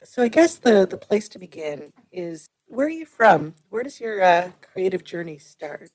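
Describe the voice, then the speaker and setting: A woman's voice: mid-range voice, animated, normal speed, darkish tone, low-quality recording. A woman hosting an interview show, reading a cheery introduction and asking chatty questions. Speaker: host. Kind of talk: podcast interview.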